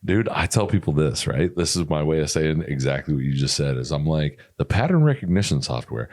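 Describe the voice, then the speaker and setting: A man's voice: extremely low pitch, steady tone, fairly quick, a little mellow. A man co-hosting a podcast about dog training, talking casually and animatedly, often slipping into quoted voices.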